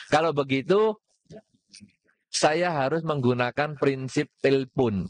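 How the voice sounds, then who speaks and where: A man giving a Buddhist Dhamma talk, putting rhetorical questions to his audience and mixing in words. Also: medium pitch. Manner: mixes in Javanese words.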